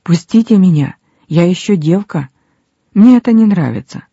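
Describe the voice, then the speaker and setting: A man's voice: animated, normal speed, mellow, breathy edge, no echo, highs cut off, heavily acted. A man doing a terrified, pleading young girl. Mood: frightened. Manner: crying, pleading, high and strained.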